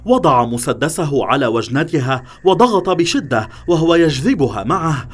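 Expressive male thriller audiobook narrator, lively intonation. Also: on the high side.

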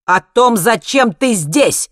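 Cold creepy scientist guy, man doing the voice, slow icy delivery, dry close sound. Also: on the high side, lively intonation, no echo. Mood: shouting. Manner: slow, icy, measured, bursting into shouts. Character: cold, menacing male scientist interrogator. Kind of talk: audiobook character reading.

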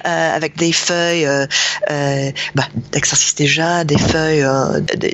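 A British woman whose first language is English, an online English teacher, talking casually in French with halting restarts and many fillers. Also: low voice, lo-fi sound. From Britain. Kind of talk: casual interview talk.

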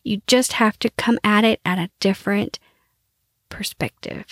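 A woman's voice: mid-range voice, a little slow, dry recording, clean studio sound. A woman host talking casually and frankly, giving household advice and cussing freely. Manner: frank and animated, cusses casually. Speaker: podcast host.

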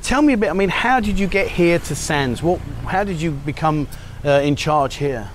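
A man's voice: fairly high pitch, lively intonation, moderate pace, slight background noise. A man hosting a casual interview show outdoors, upbeat and teasing as he asks questions. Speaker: show host. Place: outdoors at a beachside cafe.

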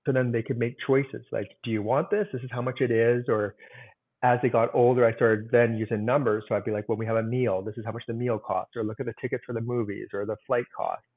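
A man's voice: mid-range voice, fairly even intonation, fast, husky. A man being interviewed as a guest author, explaining earnestly with simple examples and many "like"s. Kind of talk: conversational interview. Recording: tinny phone-like remote call audio.

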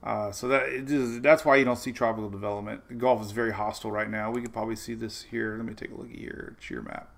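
Guy with a kinda gravelly voice doing a laid-back weather stream, rambles, reads the chat, chuckles a lot. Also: medium pitch. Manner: chatty, rambling, laughs often, greets viewers by name. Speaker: weather show host. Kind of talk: live-streamed weather talk reading chat.

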